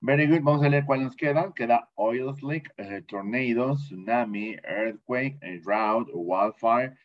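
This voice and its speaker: A man with a Mexican Spanish accent leads an English lesson, switching between Spanish and English and repeating words slowly and patiently. His voice sits at a medium pitch. The audio has a slightly dull, muffled quality. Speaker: English teacher. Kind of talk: bilingual classroom lesson.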